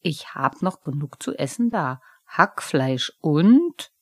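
A woman voicing a patient older carpenter who scolds calmly and a little gruffly. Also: sits low, slow pace, dry recording, clean studio sound, exaggerated voice. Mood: scolding. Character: patient grumbling old master carpenter.

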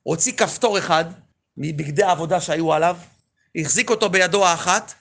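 A rabbi telling a story in a sermon, swinging from loud pleading to hushed near-whispers. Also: male voice, on the high side, gravelly.

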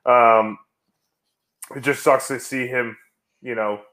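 A young man co-hosting a casual sports podcast, excitable and quick to laugh, sometimes bursting into shouts. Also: mid-range voice, crowd noise. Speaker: podcast co-host.

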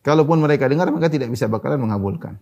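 A man preaching an Islamic sermon in a rapid, animated way, slowing down to chant verses. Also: medium pitch, creaky.

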